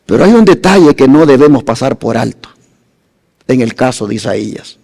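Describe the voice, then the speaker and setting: A man preaching a sermon as pastor, slow and dramatic, rising to loud emphasis and dropping to hushed phrases. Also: mid-range voice, animated, gravelly, big-room sound.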